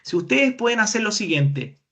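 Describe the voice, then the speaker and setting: A woman's voice: mid-range voice, big pitch swings, normal speed, a bit bright. A woman with a Chilean accent presents a webinar lecture as a speech therapist. She explains methods step by step. She often puts a question to her listeners and answers it herself. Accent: Chilean Spanish.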